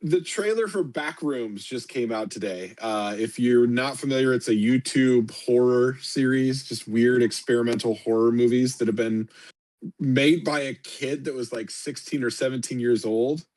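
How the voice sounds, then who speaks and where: A man's voice: medium pitch, moderate pace, darkish tone, no echo. A man co-hosting a casual game recap, laid-back, laughing easily and chiming in with corrections. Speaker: co-host. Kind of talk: casual chat.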